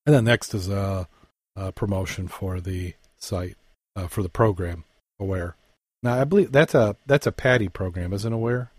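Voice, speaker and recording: A man co-hosting a podcast, reading dive news articles aloud and chatting, halting with fillers and self-corrections. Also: low voice, no echo. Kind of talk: casual news reading and chat.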